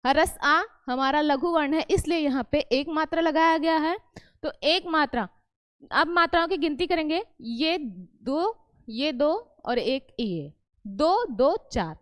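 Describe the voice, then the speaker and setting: A woman teacher walks her class through the rules of verse meter, stating each point and then quizzing the students on it. Her voice sits high. The recording is dry and close, with no room sound. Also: animated, slow pace, no room sound. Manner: repeats each point and asks the class questions back; self-correcting, explains patiently. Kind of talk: classroom lesson on Hindi poetry meter.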